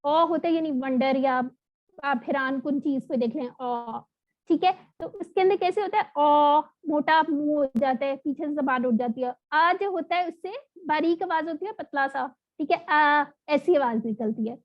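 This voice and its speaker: A woman teaching an online recitation lesson, explaining patiently and sounding out letters slowly. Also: high-pitched. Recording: dull lo-fi audio.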